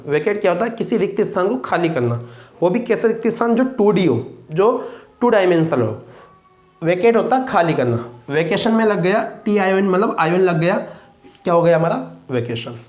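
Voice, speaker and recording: A man's voice: high voice, lively intonation, normal speed. A man, teaching a classroom vocabulary lesson and drilling students with repeated questions. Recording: roomy echo.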